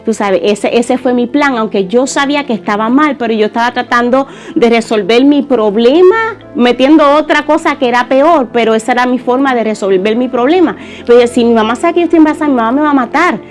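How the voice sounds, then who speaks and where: A woman's voice: a little high, a little fast, faint music behind. Earnest woman giving a church testimony. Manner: earnest, conversational, with fillers.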